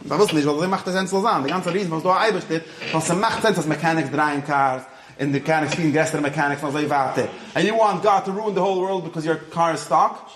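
A man's voice: on the high side, quick pace, fairly bright tone, reverberant. A man giving an informal religious lecture, moving between Yiddish and English and often checking that his listeners follow. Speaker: religious teacher.

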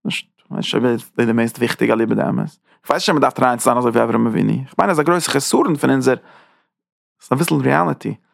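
A man giving an informal religious lesson, talking haltingly, restarting phrases as he searches for words and rising emphatically on key points. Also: medium pitch, gravelly, dry recording, studio quality. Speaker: religious teacher. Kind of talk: informal spoken Torah lesson.

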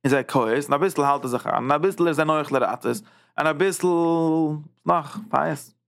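A man teaching a religious text in an informal lecture, animated, repeating phrases and jumping up in pitch for emphasis. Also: measured pace, gravelly.

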